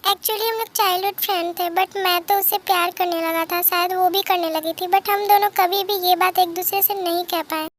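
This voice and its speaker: A woman's voice: very high-pitched, fairly even intonation, normal speed, hardly any pauses. A woman voicing a protective, jealous young man in a fan-dub love story, pleading and scolding. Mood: wistful.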